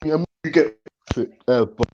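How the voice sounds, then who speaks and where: A man, calling into a live show over a bad connection that keeps cutting out, talking in halting restarts. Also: medium pitch, darkish tone, a little hiss or hum. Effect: bad call connection that keeps cutting out. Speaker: remote guest on a live call. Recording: dull lo-fi call line.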